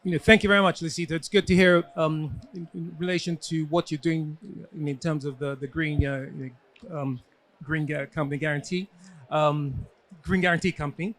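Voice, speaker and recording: A man's voice: fairly high pitch, fairly even intonation, moderate pace, a bit bright. A man moderating a panel unscripted, hesitant and searching for his words.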